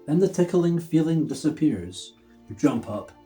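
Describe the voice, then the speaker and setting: Hammy, theatrical man reading, wildly swooping pitch. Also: sing-song, mellow, soft background music. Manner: hammy, theatrical stage-actor delivery with drawn-out words. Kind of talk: dramatic children's book reading.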